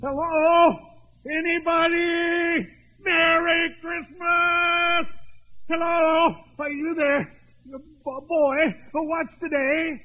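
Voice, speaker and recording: A man's voice: very high voice, level tone, slow, fairly bright tone, exaggerated voice, poor audio. A man playing a giddy reformed old miser. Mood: giddy joy. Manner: pleading, then overjoyed and breathless with laughter.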